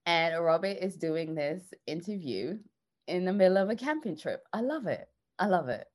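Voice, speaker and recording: A woman with a hoarse, croaky voice hosting an interview podcast in a conversational way. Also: lowish voice, lively intonation, moderate pace, darkish tone. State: hoarse voice from allergies. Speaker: podcast host.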